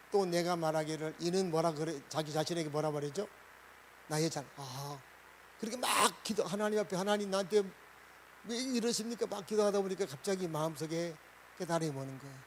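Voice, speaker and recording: A man preaching a Sunday sermon as pastor, asking the congregation questions and swinging between loud and soft. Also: a little high, slight background noise, poor audio.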